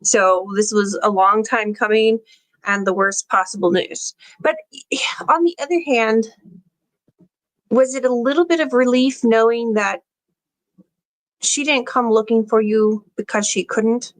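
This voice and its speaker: A woman hosting an interview, talking in a gentle, reassuring way with many fillers. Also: fairly high pitch, fairly even intonation, unhurried, no room sound, low-quality recording. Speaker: interview host. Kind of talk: conversational interview.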